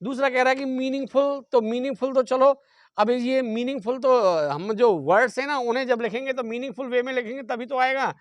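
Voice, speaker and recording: A man's voice: very high-pitched, fairly quick, dry recording. A man teaching an English grammar class with an Indian accent, asking the class questions and answering them himself. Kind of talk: classroom lecture.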